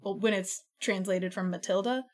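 A woman's voice: medium pitch, steady tone, moderate pace, a little mellow. Chatty woman hosting a show. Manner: chatty, explains words patiently, laughs often. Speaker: radio show host. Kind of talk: casual chat. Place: living room home studio.

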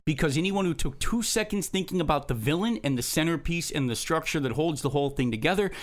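Male film critic on a panel show, high-pitched voice, scathing and emphatic. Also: expressive, fast talker. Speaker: film review show co-host. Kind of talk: opinionated film review discussion.

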